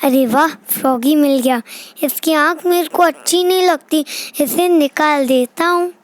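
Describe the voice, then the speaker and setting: A woman's voice: sits high, measured pace. A woman voicing a mischievous little boy in a toy doll play, muttering slyly to himself. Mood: sneaky.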